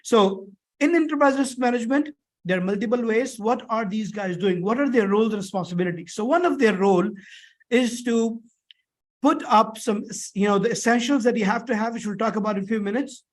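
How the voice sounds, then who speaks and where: A high-voiced man teaches in an explanatory, conversational style. His throat is sore, so the voice sounds a little thick and strained, as with swollen tonsils. He repeats points and often checks that listeners follow. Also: a little fast. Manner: conversational, repetitive, checks understanding with short tag questions. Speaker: instructor teaching an online or classroom course. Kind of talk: explanatory lecture with frequent check-in questions.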